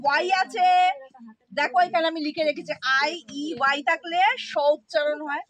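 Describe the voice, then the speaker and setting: A woman's voice: high voice, fairly even intonation, normal speed, fairly bright tone. A woman teaching a classroom phonics lesson, quizzing the children with repeated questions and prompts.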